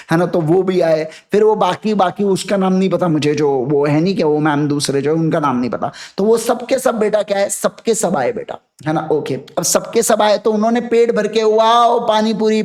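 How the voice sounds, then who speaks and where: High-voiced chatty male teacher. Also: darkish tone. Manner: chatty, jokey, keeps asking students to repeat. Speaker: law teacher. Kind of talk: live online lecture. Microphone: podcast mic.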